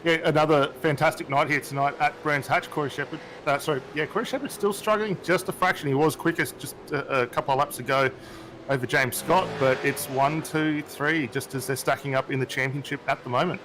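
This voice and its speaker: A man giving steady, measured analysis as a race co-commentator. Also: a little high, noisy background.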